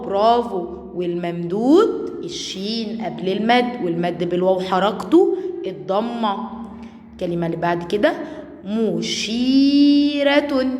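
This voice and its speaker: An Egyptian woman teaching a first-grade phonics lesson, drawing out sounded words slowly and loudly and praising the class. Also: mid-range voice, roomy sound, in a large hall. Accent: Egyptian Arabic. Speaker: primary school teacher.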